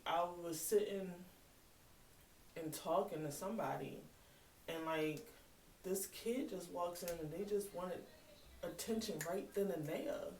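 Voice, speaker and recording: A woman's voice: fairly low pitch, a little mellow. A woman in her thirties talking bluntly and heatedly to her channel, swearing freely. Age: 30s. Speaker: vlogger. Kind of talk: casual monologue. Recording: echoey room, mic at a distance, faint hiss.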